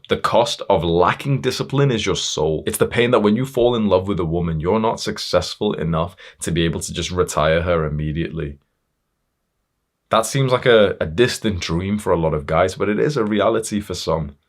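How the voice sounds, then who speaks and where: A man with a very low voice delivers a hard-edged motivational monologue. He talks straight at the listener, swearing freely and pushing harder as he goes, tripping over fillers and restarts along the way. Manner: blunt, confrontational, heavy swearing; fillers and self-restarts, building intensity. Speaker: motivational speaker.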